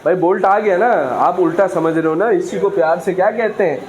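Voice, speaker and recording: A man teaching a physics class, reading English lines slowly and explaining with frequent questions to students. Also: sits high, a crowd in the background, rough recording. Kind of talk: classroom lecture.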